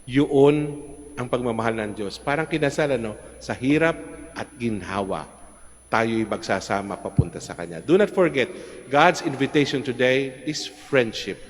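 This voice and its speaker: A middle-aged Filipino priest preaching a homily in a relaxed, conversational way, mixing in English and checking in with the congregation. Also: male voice, medium pitch, a little slow. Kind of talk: sermon. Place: large church. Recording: long church reverb.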